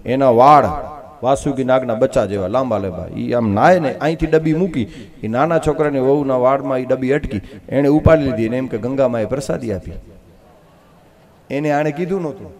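A man with a Kutchi Gujarati accent telling a religious story at a live katha, acting out the characters with sudden jumps in pitch. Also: fairly quick, darkish tone. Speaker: Bhagavat katha preacher.

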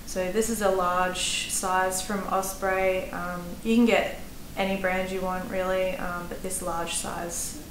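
Speaking slowly in a lowish, flat voice with hardly any pauses, an Australian woman in her thirties offers practical hiking-gear tips to camera. The hiking vlogger is chatty and uses fillers, recorded in a small room with roomy echo and faint background noise.

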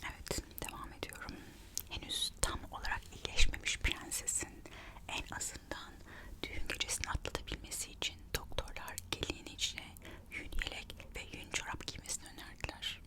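A storyteller whispers an ASMR narration, reading aloud and adding gossipy, musing asides. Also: fairly quick. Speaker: ASMR host narrating royal history.

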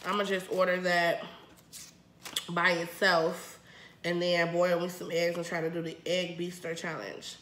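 An American woman in her thirties talks casually to camera between bites, with plenty of slang. Her voice sits fairly low with a bright, forceful edge. The room is echoey. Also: level tone, unhurried. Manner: slangy, talking between bites of spicy noodles. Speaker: mukbang vlogger. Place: indoor room at home. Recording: roomy echo, clear background noise.

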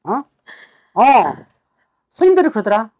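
High-pitched woman shaman chewing out a client, cursing, voice jumping all over, keeps going "eh?". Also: big pitch swings, unhurried, a little mellow. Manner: harsh, swearing, berating; keeps demanding answers with repeated "eh?". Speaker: shaman fortune teller. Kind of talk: scolding a client during a consultation.

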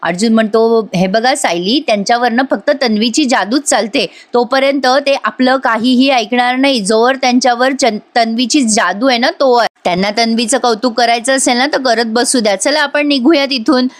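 A woman's voice: a little high, moderate pace, few pauses. A woman, chatting to viewers as she recaps a TV serial episode and acts out the lines.

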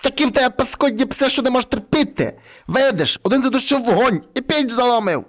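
A man voicing a spiteful, scheming old witch in a read-aloud fairy tale, shrill and scolding. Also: very animated, moderate pace, fairly bright tone.

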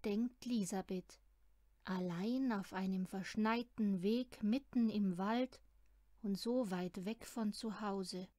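A woman reading a children's storybook aloud in an unhurried, expressive way. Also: medium pitch, no echo, studio quality. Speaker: storybook reader.

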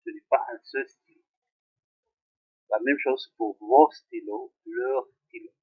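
A man teaching French grammar to pupils, repeating each example slowly. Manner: slow, repeating examples, very lively pitch. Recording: tinny phone-like sound.

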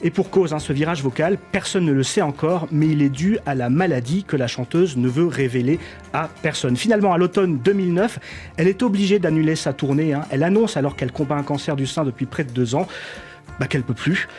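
A radio columnist with a fairly high, brisk, darkish voice presents a culture segment, telling an artist's story over faint background music. His storytelling delivery leans on a frequent tag word, the filler "hein."

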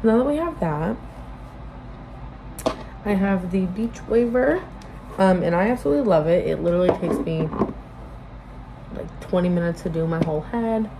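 A woman's voice: fairly low pitch, animated, normal speed, long pauses. A woman, chatting casually and in a rambling, informal way to a phone camera as a vlogger. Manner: rambling, informal, self-interrupting. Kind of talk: casual get-ready-with-me chat to camera. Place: indoors in a small bedroom-like room. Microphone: phone propped at arm's length. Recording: noisy room phone recording.

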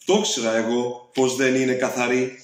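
A man voicing a scared, silly young boy in a storybook reading, shouting high and excited. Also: close to an everyday voice. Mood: alarmed. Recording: very echoey room.

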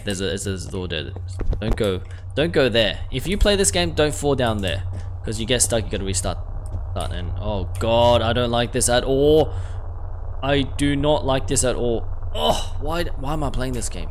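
A man's voice: medium pitch, slight background noise. Scared, jumpy man streaming a horror game. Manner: casual, sweary. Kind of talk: horror game playthrough commentary. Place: indoor room at home. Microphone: close desk microphone, wearing headset.

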